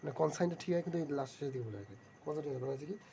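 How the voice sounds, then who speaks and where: A man's voice: fairly high pitch, very fast, creaky, dark tone, a little hiss or hum. A man teaching vocabulary, spelling words out letter by letter and repeating them many times.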